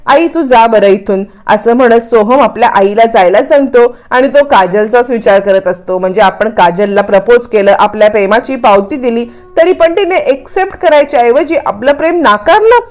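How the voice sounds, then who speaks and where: A woman's voice: a little high, lively intonation, normal speed, a little mellow. A woman retelling a TV serial episode in a storytelling manner. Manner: storytelling, plot-explaining. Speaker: serial recap narrator.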